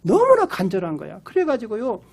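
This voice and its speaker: A man's voice: sits high, wildly swooping pitch, brisk, vocal fry. A man, a Korean pastor, preaching a sermon with emphatic storytelling and acted-out pleas. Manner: emphatic storytelling, acts out pleading voices.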